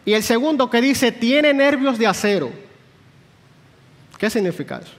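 Guy teaching sunday bible class, high voice, long echo in the church hall. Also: expressive, normal speed. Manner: explanatory, asks the class questions.

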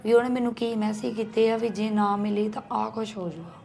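A woman's voice: mid-range voice, level tone, fairly quick, vocal fry, a little mellow, close to an everyday voice. A young woman playing a frightened newly married bride who pleads tearfully. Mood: pleading. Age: young adult. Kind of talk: acted village drama dialogue.

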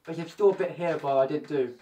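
A man reviewing a helmet while wearing it, so his voice comes through a mask. His voice sits a little on the high side. He chats eagerly and often trips over his words and starts again. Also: a little fast, a little hiss or hum, poor audio. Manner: chatty and excitable, with frequent restarts. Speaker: product reviewer. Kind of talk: casual product review vlog.

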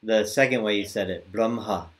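Male chanting teacher, deep and monotone, unhurried call-and-response leader, heard over a video call. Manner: slow drawn-out chanting, quicker casual asides.

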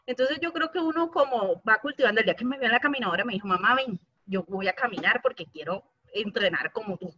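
A talkative woman sharing a personal testimony on a video call, telling her story in a lively, chatty way. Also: on the high side, quick pace, husky, dry recording, dull audio. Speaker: participant giving a testimony.

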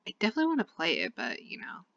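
A woman's voice: on the low side, huge pitch swings, racing, no echo, lo-fi sound. A woman giving casual let's-play commentary while reading a game aloud, swearing freely. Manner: casual, swears, laughs loudly. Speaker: gamer. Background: game music.

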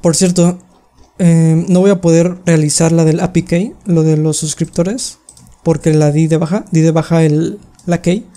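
Young presenter walking thru code on a video call, mellow voice, lots of "em" pauses. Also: mid-range voice, fairly even intonation. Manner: explains step by step with frequent "em" pauses. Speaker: webinar presenter. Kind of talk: screen-share coding tutorial. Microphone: computer mic on a video call.

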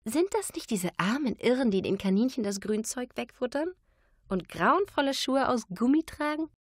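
A woman's voice: mid-range voice, very animated, a little mellow, breathy edge, no echo, clean studio sound, pitched above the performer's own voice. A woman voicing a cold, haughty businesswoman who draws out her words condescendingly. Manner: drawn-out, condescending.

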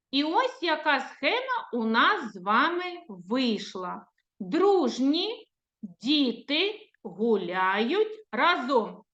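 Woman preschool teacher, Ukrainian accent, high bright pitch, slow patient delivery, echoey lo-fi room recording. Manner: slow, sing-song teacherly speech, drawing out words. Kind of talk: recorded lesson for young children. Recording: echoey room, dull lo-fi sound.

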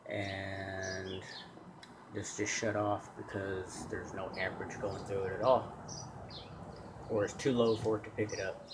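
A man's voice: low voice, level tone, measured pace, long pauses, background noise. A man filming his own equipment test with a handheld camera, talking plainly and rambling with fillers and restarts. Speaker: solar hobbyist vlogger. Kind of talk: casual off-the-cuff demo.

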